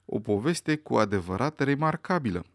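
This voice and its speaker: A man reading aloud, voicing a stern, authoritative elderly judge with a dry, measured, commanding manner. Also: medium pitch, animated, dry recording, close to an everyday voice.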